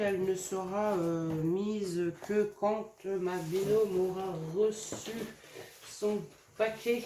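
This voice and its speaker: A woman from Normandy in France, casually showing her handmade crafts in a gentle, hesitant way with many fillers. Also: mid-range voice. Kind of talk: casual craft show-and-tell. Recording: roomy echo, faint background noise.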